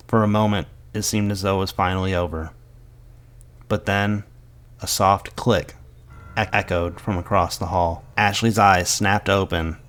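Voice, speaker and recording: Deep-voiced man narrating a horror story. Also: a bit bright. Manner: dramatic, measured storytelling delivery.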